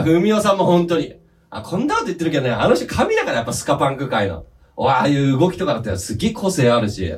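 A man with a Fukushima accent chatting on a comedic talk show, rough and teasing, calling people "omae" constantly. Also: mid-range voice, far from the mic. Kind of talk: casual comedic chat.

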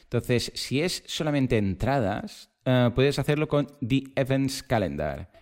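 Animated podcast host. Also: male voice, mid-range voice, measured pace. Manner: animated, explains with everyday examples, rhetorical questions. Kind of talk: casual tech podcast chat.

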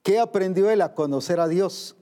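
A man's voice: high voice, moderate pace, mellow. A man preaching a sermon, asking questions and acting out the voices of worried believers.

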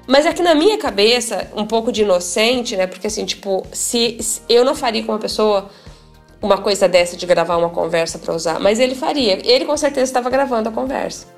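A woman speaking as an interview guest, with a gravelly, creaky edge to her voice. She tells her story in an animated way, stopping and restarting and acting out what others said. Soft music plays faintly in the background. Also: fairly high pitch, a little fast. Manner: animated, many restarts and quoted dialogue.

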